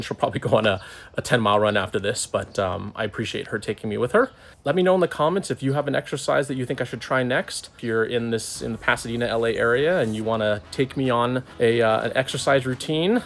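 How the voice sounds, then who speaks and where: A young man vlogging on a run outdoors, out of breath, joking loosely with lots of fillers. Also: medium pitch. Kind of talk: casual vlog chat.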